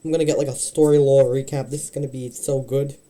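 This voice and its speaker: A man's voice: medium pitch, little pitch movement, fast, dark tone. A man casually joking and chatting as a streamer while he reacts to a video. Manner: chatty, joking, laughs often, talks over the video. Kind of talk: casual commentary over a video.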